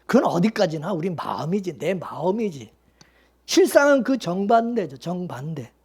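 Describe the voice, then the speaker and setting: A man's voice: sits high, sing-song, moderate pace, darkish tone, breathy edge. A male pastor preaching a Sunday sermon, blunt and colloquial, firing rhetorical questions at the congregation.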